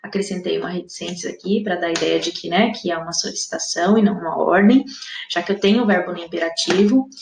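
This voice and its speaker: A woman's voice: on the low side, fast talker, gravelly, echoey room, slight background noise. A woman teaching an exam-prep lesson with a Brazilian Portuguese accent, explaining patiently and often checking in with the viewer.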